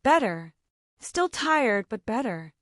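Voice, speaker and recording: A woman's voice: on the high side, big pitch swings, takes it slowly, no room sound, clean studio sound. A woman voicing a stiff, awkward middle-aged father who speaks hesitantly, in a storybook reading.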